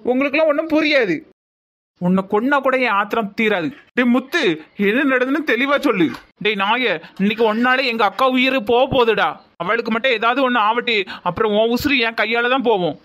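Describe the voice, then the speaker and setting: A man voicing a furious young cartoon brother who shouts threats, with a Tirunelveli Tamil accent. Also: extremely high pitch, brisk. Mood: accusing. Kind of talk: cartoon voice acting.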